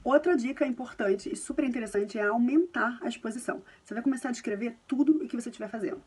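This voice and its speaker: A woman's voice: a little high, fast, a little mellow, husky. A woman in her thirties from Brazil with a Carioca accent, talking casually to camera from home, reassuring and chatty, with many tag questions. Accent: Carioca Brazilian Portuguese. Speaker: parenting and language vlogger. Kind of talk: casual advice talk to camera.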